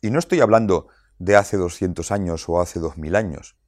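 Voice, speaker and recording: A man gives a lively explanatory talk to parents, his voice sitting low. He poses rhetorical questions and acts out little quotes. The sound is dry and close. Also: moderate pace, no room sound. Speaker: speaker on child rearing.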